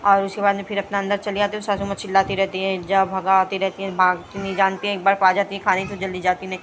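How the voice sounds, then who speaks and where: Flat-voiced woman narrating her home vlog. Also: medium pitch, quick pace, a little hiss or hum. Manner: chatty, running commentary on home routine. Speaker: vlogger.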